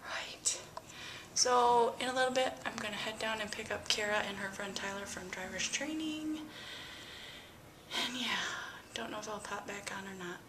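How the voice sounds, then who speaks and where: A middle-aged woman and mother vlogging casually from her home, chatty with breathy sighs and sudden bursts of excitement. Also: medium pitch, normal speed, background noise. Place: home, front room.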